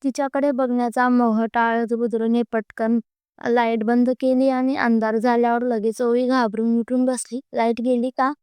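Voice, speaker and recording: Clear-voiced woman reading a story. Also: a little high, flat delivery, moderate pace, a little mellow, dry recording. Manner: plain reading with restarts. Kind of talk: storybook narration.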